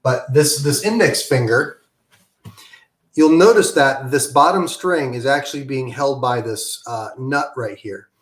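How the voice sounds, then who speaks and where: A man's voice: mid-range voice, unhurried. Casual man teaching guitar, roomy sound. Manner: casual, encouraging, many ums and okays. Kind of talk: online guitar lesson. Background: guitar playing.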